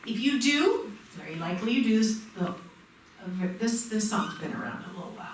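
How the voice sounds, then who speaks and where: A woman's voice: fairly high pitch, big pitch swings, a little fast, a little hiss or hum. A woman musician introducing a song to the congregation and encouraging them to sing along. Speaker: church musician. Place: church sanctuary. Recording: echoey hall mic from far off.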